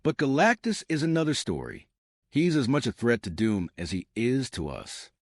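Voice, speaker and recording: A man's voice: mid-range voice, huge pitch swings, normal speed, no room sound, clean studio sound. A man voicing an earnest male team leader in a comic, reasoning things out and giving orders.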